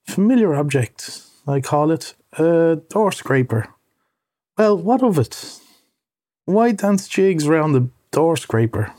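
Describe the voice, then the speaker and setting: A man reading a storybook voices a fussy, stubborn male mole who speaks in a prim, slow, indignant way. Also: a little high, dark tone, close to an everyday voice. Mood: puzzled, fussy. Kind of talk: audiobook reading.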